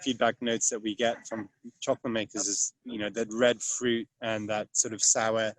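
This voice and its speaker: A man's voice: lowish voice, level tone, normal speed, no room sound, poor audio. A man chatting casually about feedback from customers. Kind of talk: casual chat.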